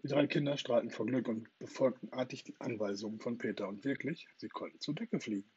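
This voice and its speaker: A man with a husky voice narrating a children's story in a calm, even way, on a dull lo-fi recording. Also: mid-range voice, a little fast. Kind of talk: storybook reading.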